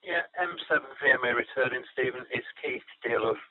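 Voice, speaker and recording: A man's voice: mid-range voice, brisk, dry recording. A man from England, an amateur radio operator, talking casually over two-way radio. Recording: narrow-band amateur radio transmission.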